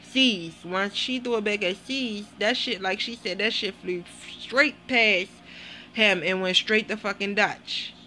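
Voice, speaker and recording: A woman reviewing a TV show in a casual vlog, blunt and animated, cursing freely as she talks. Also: mid-range voice, a little slow, a little hiss or hum. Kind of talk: casual profane vlog commentary.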